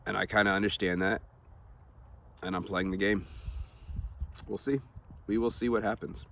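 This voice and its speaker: A man vlogging in a relaxed, rambling way, with many ums and uhs, talking to his viewers. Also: on the low side, normal speed, creaky. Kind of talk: casual talk to camera.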